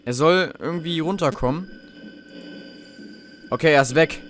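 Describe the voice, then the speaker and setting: A man's voice: fairly high pitch, a little slow, a bit bright, soft background music. Jumpy young man commenting a horror game. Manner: jumpy, swears, talks to himself under his breath. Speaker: let's play host.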